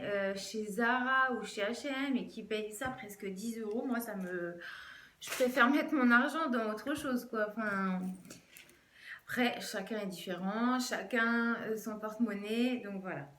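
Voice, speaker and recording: Woman, fairly high voice, casual haul chat, lots of fillers, echoey room. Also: unhurried, fairly bright tone, slight background noise. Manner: chatty, hesitant with many fillers. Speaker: fashion vlogger.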